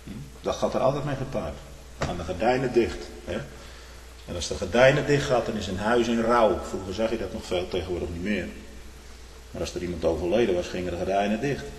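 A male pastor preaching a sermon, emphatic, swinging between loud and hushed, often tagging lines with "hm?". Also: low voice, fairly quick, a little hiss or hum. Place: church. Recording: echoey church hall.

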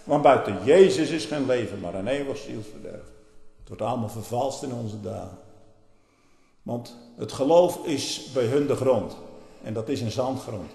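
A man preaching a fiery sermon, dropping to low murmurs and then bursting out loudly. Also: lively intonation, normal speed, creaky. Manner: fiery, swings from low murmurs to loud outbursts. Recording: echoey hall, reverberant.

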